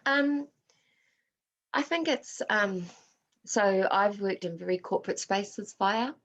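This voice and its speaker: A workshop facilitator who grew up in Australia answers questions on a video call, reflective and personal, mixing Māori words into her English. Her medium-pitched voice is expressive and slow, and the recording is muffled.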